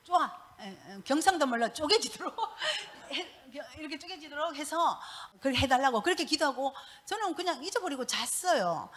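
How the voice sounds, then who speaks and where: A middle-aged woman gives a church testimony. Her voice sits fairly high and swoops up and down as she tells her story in an animated way. She laughs often as she talks. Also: moderate pace, hardly any pauses. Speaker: pastor's wife giving testimony.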